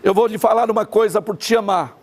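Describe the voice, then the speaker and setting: A man's voice: high voice, fairly quick, darkish tone. A male pastor preaching a sermon, emphatic and repeating his key phrases. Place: church online service.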